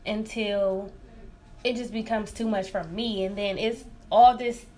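A woman's voice: mid-range voice, steady tone, a little slow, warm tone. A woman co-hosting a podcast in casual chat, speaking in a confiding, reflective and informal way. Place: room in a library.

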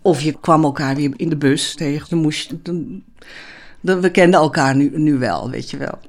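A woman's voice: low voice, moderate pace. An older woman who once lived in a commune, recalling the old days in an interview, chatty and hesitant. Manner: chatty, hesitant, many fillers and restarts. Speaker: former commune resident. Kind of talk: reminiscing interview.

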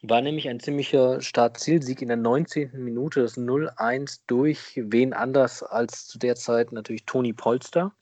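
Male podcast guest, average pitch, casual hesitant recounting, close dry recording. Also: steady tone, moderate pace, hardly any pauses, darkish tone, no echo. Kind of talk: casual recounting of a football match.

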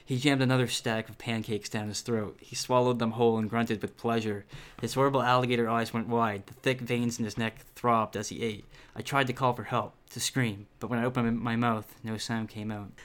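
A man reads a children's horror book aloud casually, interrupting himself with laughs, asides, and lots of fillers. He speaks briskly with hardly any pauses, in a medium-pitched, slightly bright voice with a steady tone.

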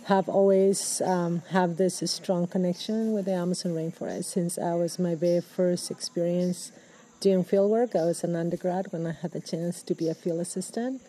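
Peruvian woman in her fifties, dark voice. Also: lowish voice, steady tone, poor audio. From Peru. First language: Spanish. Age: 50s. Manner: thoughtful, halting, many restarts and fillers. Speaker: ecologist guest. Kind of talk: interview recorded outdoors. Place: outdoors in the rainforest. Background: birds, people, general activity.

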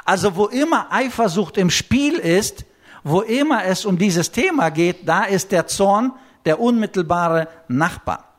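A man preaching a sermon in a conversational way, often adding quick tag questions and letting his voice sink to a low murmur at the ends of phrases. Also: animated.

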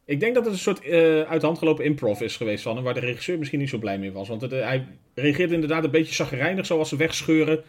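A Dutch man co-hosting a podcast, chatting about a film with lots of filler phrases. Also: fairly high pitch. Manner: quick, chatty, many fillers like "zeg maar". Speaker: podcast co-host. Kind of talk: casual film discussion.

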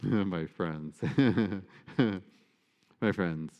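A man's voice: sits low, extremely slow, dull audio. Male priest preaching in a reverberant church. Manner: earnest preaching with playful asides and chuckles. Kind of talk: sermon.

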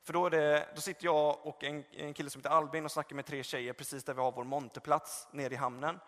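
A man preaching a sermon, passionate, moving between loud exclamations and soft, conversational storytelling. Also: a little high, level tone. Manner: passionate, swings from loud calls to soft reflection; conversational with fillers and retold dialogue. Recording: long reverb of a hall.

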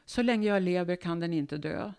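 A woman, a guest author, reading her own memoir aloud in a calm, measured way. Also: on the low side, creaky, clear, resonant tone.

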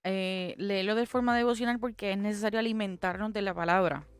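Smooth-voiced woman in earnest faith talk. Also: medium pitch, steady tone, brisk, no room sound, faint music behind. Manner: earnest, mixes in English phrases, frequent restarts. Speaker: podcast co-host. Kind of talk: casual faith talk with Bible reading.

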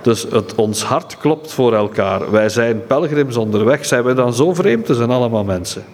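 Flemish friar telling a story in a hall. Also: male voice, medium pitch, lively intonation, a little mellow, a little hiss or hum. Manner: halting storytelling with many fillers and restarts. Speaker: friar and monastery guardian. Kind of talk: guided-tour conversation. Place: indoor exhibition centre. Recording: echoey hall, faint ambience.

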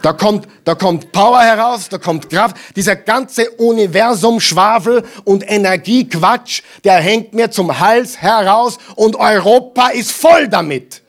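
Emphatic high-voiced male preacher. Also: a little slow, few pauses. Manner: emphatic, repeats lines for the crowd to echo; mocking asides, swings between loud and quiet. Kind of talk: sermon.

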